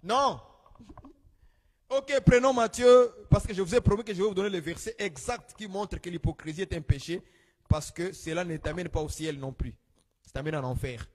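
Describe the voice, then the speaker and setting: A man preaching an exhortation, swinging between shouted rebukes and quiet asides. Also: normal speed. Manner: exhorting, rising into shouts then dropping low. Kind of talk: sermon. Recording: long hall reverb.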